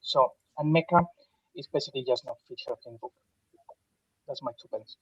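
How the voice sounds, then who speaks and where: A man's voice: mid-range voice, fairly quick, fairly bright tone, slightly rough, no room sound. A man speaks bluntly and emphatically in a casual online discussion, heard through a muffled headset mic that sounds underwater. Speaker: panel guest.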